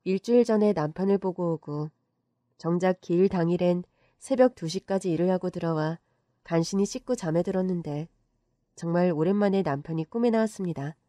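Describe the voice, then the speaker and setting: A woman's voice: lowish voice, brisk, mellow, no room sound, clean studio sound. Woman narrating a heartfelt story. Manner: emotional, heartfelt.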